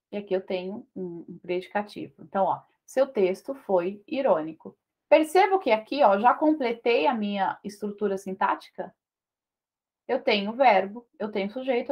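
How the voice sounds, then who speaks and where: A Brazilian woman teaching an online Portuguese grammar lesson, explaining in a lively way and checking in with short tag questions. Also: fairly high pitch.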